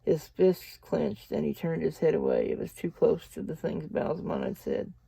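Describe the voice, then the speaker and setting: Male reader, gravelly and husky, steady novel reading, dry close sound. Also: fairly high pitch, normal speed, dry recording. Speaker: audiobook reader. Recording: dull lo-fi dry recording.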